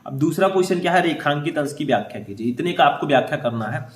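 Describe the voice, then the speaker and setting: A man's voice: on the high side, expressive, fast talker, roomy sound. A young man teaching students how to write exam answers, reading passages aloud and often checking in with short asides like "ठीक है". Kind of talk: explaining exam answer writing.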